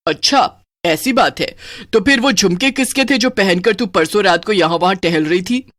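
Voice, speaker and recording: A woman's voice: medium pitch, animated, normal speed, a bit bright, close to an everyday voice. A woman voicing a scornful, menacing female witch spirit who talks down harshly and mockingly.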